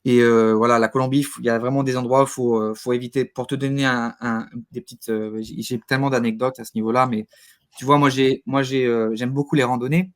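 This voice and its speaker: A man speaking as an interview guest at a middling pitch. His delivery is conversational and halting, with words repeated while he looks for the right phrase. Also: steady tone.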